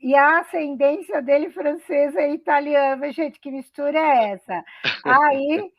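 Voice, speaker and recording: A middle-aged woman from São Paulo state, Brazil, hosts a web radio talk show in a high-pitched voice, speaking a little slowly. She's chatty and enthusiastic, laughs easily and often restarts her sentences. The recording is low quality with no echo.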